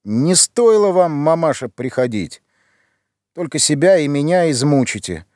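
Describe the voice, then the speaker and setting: A desperate young man facing the gallows in a grim audiobook story, played by the male reader. He is irritable and bitter, with a sharp, raised voice toward his mother. The recording is dry and close. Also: on the high side, sing-song, a little slow, no echo. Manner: sharp, shouting.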